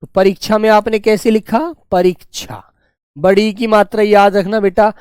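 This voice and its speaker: A male teacher giving a spelling class, dictating words slowly and repeating each one, talking to pupils in a fatherly way. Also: high-pitched, little pitch movement, a little mellow, smooth, dry recording, studio quality. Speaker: Hindi teacher.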